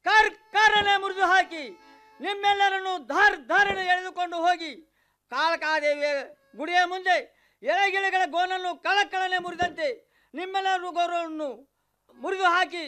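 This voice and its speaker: A man's voice: very high-pitched, fairly even intonation, moderate pace, bright, forceful tone, soft background music. A man voicing a cruel, boastful demon in a mythological radio play, speaking in a declamatory, threatening way. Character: boastful cruel male demon, menacing and loud.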